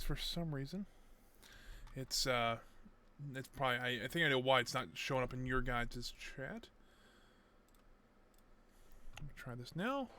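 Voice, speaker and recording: A man's voice: mid-range voice, pushed and bright. A man streaming a game over livestream headset audio, chatting casually and rambling to himself as he sorts out his setup. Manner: rambling, talks to himself while fixing things. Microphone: gaming headset mic on a livestream.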